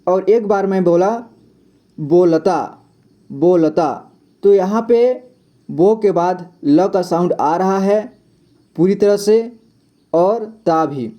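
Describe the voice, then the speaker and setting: A man teaching a reading lesson in a patient, casual way, repeating words slowly and spelling them out letter by letter, with a frequent "okay" between steps. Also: sits high, muffled recording. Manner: fills gaps with a frequent 'okay'.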